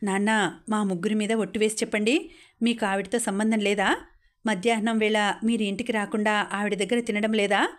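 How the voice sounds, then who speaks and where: A bold teenage daughter who fires questions straight at her father, read by a woman narrator. Her pitch moves in a flat, narrow band. The tone is pointed and accusing. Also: brisk, close to an everyday voice.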